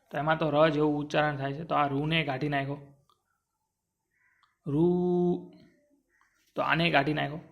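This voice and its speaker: A man teaching an exam-prep grammar lesson, drawing sounds out slowly and asking and answering his own questions. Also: a little high, creaky, lo-fi sound.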